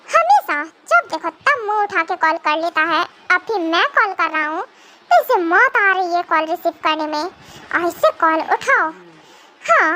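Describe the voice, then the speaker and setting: A woman's voice: extremely high pitch, noisy background. A young woman playing a scheming male captor. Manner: muttering, menacing. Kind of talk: amateur fan audio drama.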